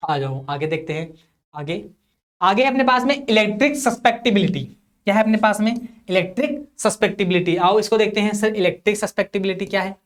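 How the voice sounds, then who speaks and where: A man from India teaching a physics class for an exam. He asks questions and answers them himself, keeps checking whether it is clear, and reads definitions out slowly. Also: high-pitched. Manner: reads English definitions slowly, explains in Hindi. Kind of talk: classroom lecture for exam prep.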